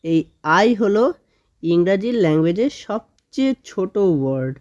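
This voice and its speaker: A woman's voice: on the low side, lively intonation, a little mellow, dull audio. Woman teacher sounding out syllables. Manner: slow drawn-out spelling of words, syllable by syllable; frequent "okay?" check-ins with students. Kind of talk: grammar lesson for children.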